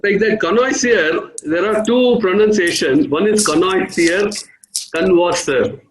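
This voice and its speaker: A man's voice: high voice, lively intonation, moderate pace, over a noisy crowd. A man advocate with an Indian English accent, deferentially explaining pronunciation on a video call. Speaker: advocate, guest speaker. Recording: roomy video call audio.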